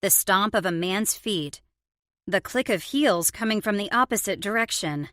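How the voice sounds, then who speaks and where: A woman narrating a romance audiobook in the first person, with expressive storytelling. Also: mid-range voice, normal speed, no echo. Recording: dry studio recording.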